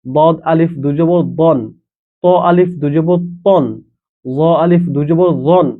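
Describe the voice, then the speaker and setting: A man's voice: fairly high pitch, fairly even intonation, slow. A man teaching Quran reading, patiently spelling out each letter and vowel mark and repeating every syllable. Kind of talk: slow spelling-out lesson. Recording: tinny phone-like sound.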